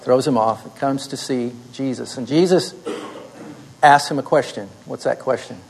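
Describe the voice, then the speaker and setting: A man's voice: medium pitch, normal speed, gravelly, rough recording. A man teaching a class. He walks the students through a story by putting questions to them and often answering them himself, in a plain mid-range voice. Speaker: instructor.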